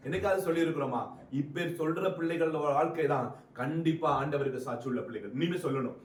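A man's voice: a little high, brisk, echoey room, distant mic. A man preaching a fervent sermon, building rhythmic repeated phrases and calling on his listeners to answer.

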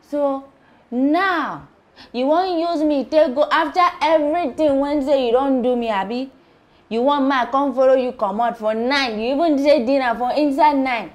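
A woman's voice: high-pitched, moderate pace, close to an everyday voice. Actress playing a sassy Pidgin-speaking shopgirl. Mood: teasing. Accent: Nigerian Pidgin. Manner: teasing, sassy banter in Pidgin. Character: sassy young woman shop worker. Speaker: shop worker. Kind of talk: Nollywood film acting.

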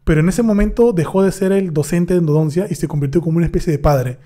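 A man's voice: fairly high pitch, fast talker. A young man, a dentist co-hosting a podcast, telling a story in casual chat and acting out the dialogue. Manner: animated anecdote telling, acts out dialogue.

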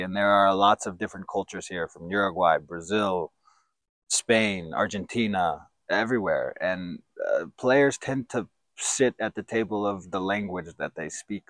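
A man in his thirties, a professional footballer, answering questions in an outdoor sit-down interview, measured and reflective, with a handheld mic. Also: low-pitched, a bit bright, no echo. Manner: measured, reflective, speaks in considered restarts. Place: outdoors by sports courts. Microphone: handheld branded mic.

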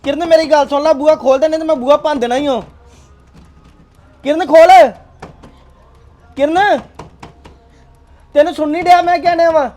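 A man's voice: extremely high pitch, steady tone, rapid-fire, hardly any pauses. A man playing a hot-tempered, bossy young husband. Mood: shouting. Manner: shouting, bossy commands. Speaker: actor in a family skit.

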